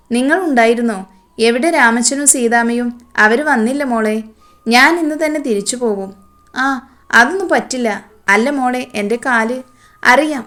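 A woman reading a romance story aloud, speaking all the characters' lines in her own voice and moving quickly between narration and dialogue. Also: on the high side, fairly bright tone.

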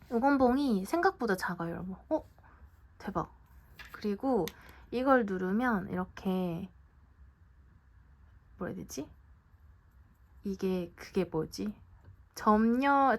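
A young woman vlogging an unboxing in a chatty, gushing way, often dropping to a soft whisper, indoors at home. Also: mid-range voice. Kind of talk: unboxing vlog.

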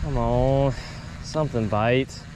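A man's voice: mid-range voice, takes it slowly, noisy background. A young man hosting a fishing vlog outdoors by a pond, chatting casually and laughing as he ribs his friends. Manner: laughing, playful ribbing. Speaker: fishing channel host. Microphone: chest-mounted action camera.

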